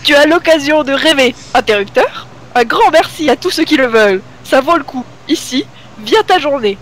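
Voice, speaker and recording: A woman from Reunion Island streaming late at night, chatting casually, reading lines aloud and slipping into halting English. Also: high-pitched, lively intonation, low-quality recording. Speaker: Twitch streamer.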